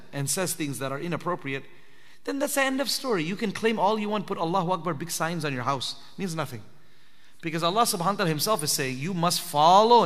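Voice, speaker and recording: A man's voice: fairly high pitch, sharp tone. A man giving an earnest sermon at a spiritual retreat, asking his listeners direct questions. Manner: earnest, asks the audience questions. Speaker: Islamic teacher giving a talk at i'tikaf. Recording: long hall reverb.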